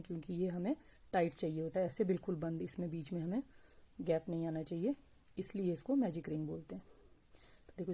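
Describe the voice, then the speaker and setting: A woman teaching crochet step by step, speaking slowly and patiently and counting stitches aloud. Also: lowish voice, dark tone, breathy edge. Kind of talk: step-by-step crafting tutorial.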